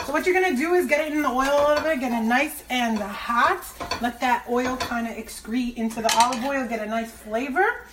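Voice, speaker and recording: Standing by the stove in her kitchen, a woman with a high voice hosts a cooking show, talking fairly quickly with hardly any pauses. She chats and jokes with viewers during this casual demonstration as food sizzles in the pan.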